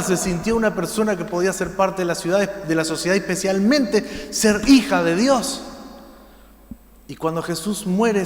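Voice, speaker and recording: Rioplatense preacher in a ringing hall. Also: male voice, high voice. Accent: Rioplatense Spanish. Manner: shifts between loud emphasis and hushed quiet lines. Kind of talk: sermon. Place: church.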